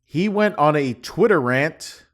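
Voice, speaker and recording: A man co-hosting a loose podcast, reading out news items. He speaks slowly and unhurriedly, pausing often on fillers as he goes. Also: on the high side, expressive, a bit bright. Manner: unhurried, hesitant with ums and uhs while reporting. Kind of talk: casual chat.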